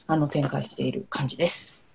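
A woman interpreter speaking as a podcast guest in a relaxed, thoughtful way, often pausing on soft fillers. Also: rumbling low, creaky.

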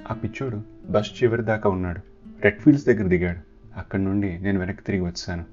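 A man voicing a calm male bus driver who talks in a plain, matter-of-fact way. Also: sits low, quick pace, natural voice. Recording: slightly dull, soft guitar behind.

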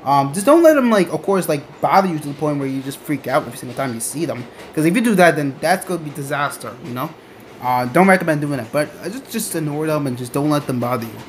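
A young adult rambling through a casual podcast-style rant in a halting, repetitive, emphatic way. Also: medium pitch, lively intonation. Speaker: podcaster, online content creator. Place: on board a train. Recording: noisy train ambience behind the voice. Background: train noise.

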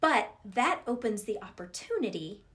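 A middle-aged woman chatting as a podcast guest, expressive and lively as she acts out her own thoughts. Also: mid-range voice, moderate pace. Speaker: podcast guest, professional coach. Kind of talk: casual conversation.

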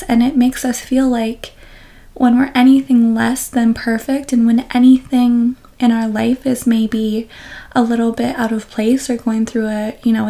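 Young woman podcast host, candid and reflective, a touch high in pitch, casual solo episode. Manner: open and reflective, with soft laughs and restarts. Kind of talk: candid personal podcast talk.

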